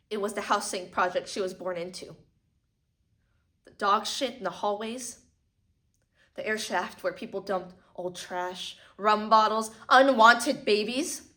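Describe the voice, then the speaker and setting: A woman performing a dramatic stage monologue as a sorrowful, bitter tragic heroine, intense and swinging between hushed and forceful delivery. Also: medium pitch. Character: Rose, sorrowful, bitter woman haunted by poverty and madness. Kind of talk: dramatic monologue, theatrical acting.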